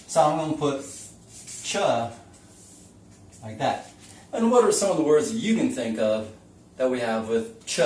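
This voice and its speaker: With a medium-pitched, darkish voice, a man teaches an easygoing whiteboard lesson, chatty and folksy, asking the viewer questions. The teacher's camera is taped to the wall and its mic sits across the room, giving a distant, echoey sound with slight background noise.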